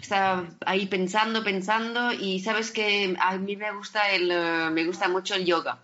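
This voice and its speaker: A woman chatting casually as an interview guest, a non-native speaker who often pauses and searches for words. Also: medium pitch, fairly even intonation, bright, forceful tone, muffled recording. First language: not Spanish. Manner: hesitant, searching for words in Spanish. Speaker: podcast guest.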